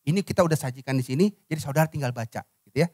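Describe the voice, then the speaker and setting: A man's voice: very fast, dry recording, clean studio sound. Pastor man preaching. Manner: addresses listeners as "saudara", dropping soft and low at phrase ends; leads congregation in reading aloud by counting. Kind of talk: sermon.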